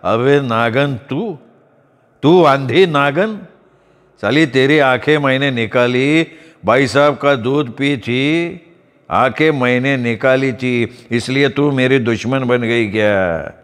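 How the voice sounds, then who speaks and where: A man's voice: medium pitch, lightly acted. A man doing a drunk, slurring snake charmer. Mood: drunken rage. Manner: slow, slurred drawl. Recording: long reverb.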